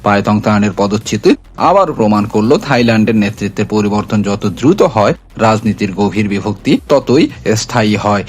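A man reading a scripted news explainer as narrator, in a formal, measured reporting manner. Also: lowish voice, slight background noise.

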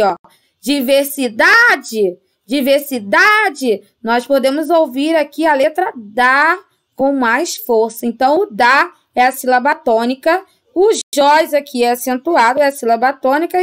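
A woman's voice: high voice, moderate pace. A woman teaching a primary school Portuguese class with a Brazilian accent, patiently stretching out example words and checking in with the children. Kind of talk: recorded remote class lesson.

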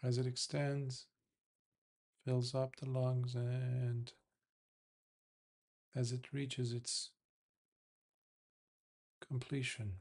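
This meditation teacher is a man whose voice sits at a medium pitch, and he instructs as a Buddhist monk would his pupils. Each short, measured phrase is followed by a lengthy pause. The delivery is flat and slightly mellow.

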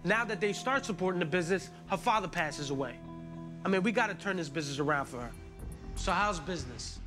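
A man's voice: high voice, expressive, fast. A man in his forties hosting a restaurant makeover show, narrating and chatting in a direct, upbeat way. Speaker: restaurant consultant and show host. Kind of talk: reality TV narration and casual chat. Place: small bright café dining room. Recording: music bed under the talk.

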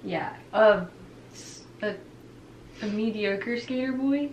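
A woman's voice: mid-range voice, slow pace. A giggly, playful young woman chatting casually in a vlog outdoors by a parking lot, filmed on a handheld camera. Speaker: vlogger. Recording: outdoor traffic noise.

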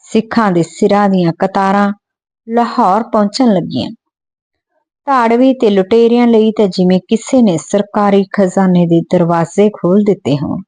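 A woman narrating a history book aloud, steady and earnest. Her voice is dark and mellow, and the recording is dry and close with no room sound. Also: medium pitch, normal speed, no echo. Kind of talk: storybook narration.

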